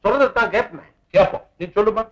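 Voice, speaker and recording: A man's voice: high voice, quick pace, muffled recording, close to an everyday voice. An actor playing a genial, indulgent male head of a household in a 1960s Tamil film, teasing and calling the young woman 'ma'.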